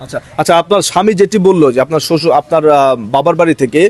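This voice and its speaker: A man playing a reporter, asking formal questions and trying to calm people down. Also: a little high, very fast, no echo, close to an everyday voice. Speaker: reporter in a staged news drama. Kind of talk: mock TV news reporting.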